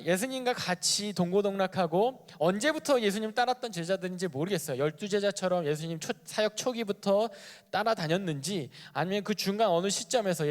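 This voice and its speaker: A man giving a youth sermon in a conversational way, asking his listeners questions and acting out the people in the story. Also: sits high. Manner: conversational preaching, asks the congregation questions; acts out quoted characters in lively bursts. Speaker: youth pastor. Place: church sanctuary. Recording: live church stream with long hall reverb.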